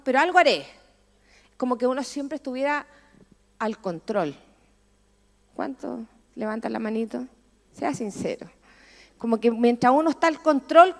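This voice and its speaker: High-voiced Chilean woman preaching. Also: in a large hall. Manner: emotional storytelling, asks the congregation questions. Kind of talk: sermon testimony.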